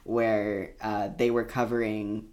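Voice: mid-range voice, little pitch movement, takes it slowly, darkish tone. A young adult co-host in casual chat, rambling with lots of fillers and frequent laughter. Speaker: podcast co-host.

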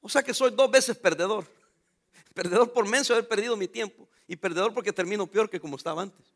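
High, bright-voiced pastor preaching. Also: male voice, fairly quick. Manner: emphatic preaching, rhetorical questions to the congregation. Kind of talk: sermon.

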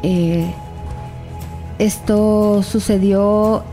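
A woman with a Salvadoran Spanish accent giving an informal spoken book summary as a guest, haltingly searching for words. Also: medium pitch, steady tone, warm tone, faint music behind, low-quality recording. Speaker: library guest recommending a book.

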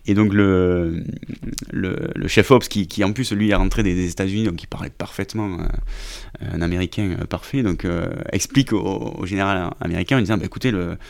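A man, an army officer, telling a story in an interview with a gravelly voice and many hesitant restarts and fillers. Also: low-pitched, normal speed. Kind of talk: conversational storytelling.

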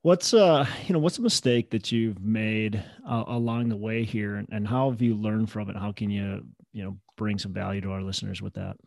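Low-voiced male podcast host. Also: normal speed, gravelly, few pauses, a little mellow, no echo. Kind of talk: podcast interview.

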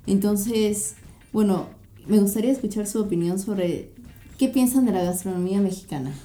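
A young woman from Peru chats casually as a podcast co-host. Her voice is mellow and warm, sitting at a middle pitch. She talks in a relaxed, easygoing way. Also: moderate pace, soft background music. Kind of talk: casual chat.

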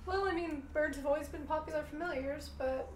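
High-pitched woman chatting in echoey room. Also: brisk. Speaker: tabletop game player. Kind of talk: casual game chat. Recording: echoey room, distant mic, faint noise.

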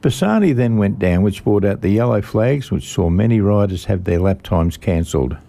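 An Australian man hosting a radio motorsport show, reading out race news in a halting way and repeating the odd word. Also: lowish voice, expressive, vocal fry, dark tone. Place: radio studio.

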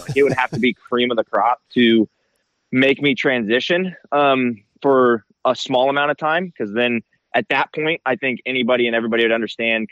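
A man speaks as a racer being interviewed, informal and full of little check-in tags. His voice is mid-pitched and comes through headphones used as a mic. The sound is a little dull, with no room echo. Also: a bit bright. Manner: informal, slangy, frequent check-in tags like "right?" and "you know". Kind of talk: casual interview answers.

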